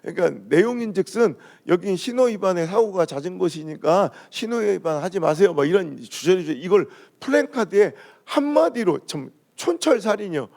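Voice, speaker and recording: His voice is high-pitched and gravelly, and he speaks briskly with few pauses. A Chungcheong pastor preaching at a dawn revival in the church sanctuary, he fills his sermon with lively jokes and stories, mimicking how local people talk.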